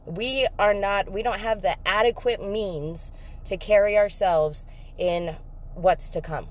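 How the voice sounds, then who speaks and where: A woman telling an emotional faith story in a casual vlog, emphatic and excitable, breaking into laughter. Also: mid-range voice, takes it slowly. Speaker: faith vlogger.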